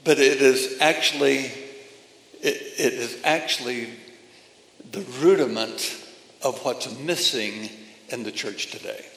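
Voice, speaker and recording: A man preaching a sermon with emphatic phrasing and pauses between phrases, addressing a congregation. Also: mid-range voice, fairly bright tone. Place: church or meeting hall. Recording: echoey hall from a distance.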